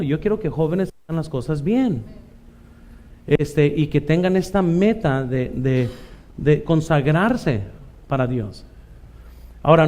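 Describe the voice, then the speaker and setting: A middle-aged Mexican pastor delivers a chatty sermon. His voice sits a little high for a man but sounds dark and mellow. He keeps checking in with his listeners. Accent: Mexican Spanish. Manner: conversational preaching, frequent "¿verdad?" asides, acts out quoted voices.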